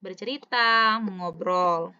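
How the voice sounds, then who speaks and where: A woman teacher talks through a recorded lesson at an even, mid-height pitch. She slows right down to read example sentences aloud, then drops back into casual, chatty asides. The audio is slightly dull and lo-fi. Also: clean tone. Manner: stretches words slowly when demonstrating intonation. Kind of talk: recorded online lecture.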